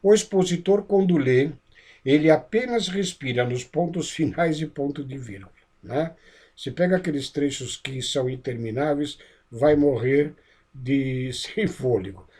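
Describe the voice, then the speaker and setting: A man lecturing on public speaking in a teaching manner. His pace shifts between quick runs and slower, deliberate stretches, and he often pauses to check in with his listeners. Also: on the high side, a little mellow. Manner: didactic, checks in with frequent "né?" and "ok?". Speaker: instructor of a speaker training course. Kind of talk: lecture-style lesson.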